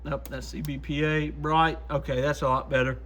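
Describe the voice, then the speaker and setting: He speaks at a normal speed in a voice on the high side, with a fairly bright tone and little pitch movement. Working at a repair bench in his small indoor radio workshop, this vlogger talks to himself in an easygoing, folksy way.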